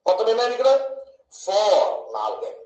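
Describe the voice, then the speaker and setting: A man's voice: sits high, huge pitch swings, brisk, dark tone, muffled recording. A man teaching an English grammar lesson in an online class, asking questions and answering them himself and stretching words out syllable by syllable. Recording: echoey room.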